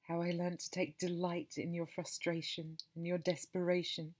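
A woman softly narrating an intimate monologue to the listener, breathy and slipping into whispers, tender and possessive in manner. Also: on the low side, flat delivery, normal speed. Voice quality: breathy and soft. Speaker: narrator of an intimate audio story.

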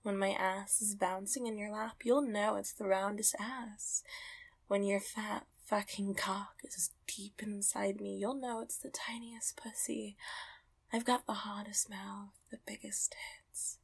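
A woman performing an intimate roleplay in soft, close whispers, often laughing quietly. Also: medium pitch, level tone, a little slow, gravelly, slightly rough.

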